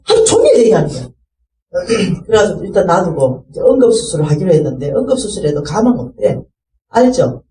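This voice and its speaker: A middle-aged woman delivers a sermon-style testimony, her pitch swinging widely as she acts out the people in her story. Her tone is mellow and soft-edged. She sounds set back from the mic in a roomy, echoing hall. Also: wildly swooping pitch, a little fast, far from the mic. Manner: impassioned, rising to fervent pleading. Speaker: speaker giving a church testimony.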